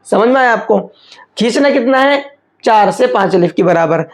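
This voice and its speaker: A man giving a patient tajweed lesson, posing questions and then answering them himself. His voice sits fairly high for a man. He stretches out each demonstration word very slowly before returning to explanation. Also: animated. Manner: slows right down to demonstrate recitation. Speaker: Quran recitation teacher.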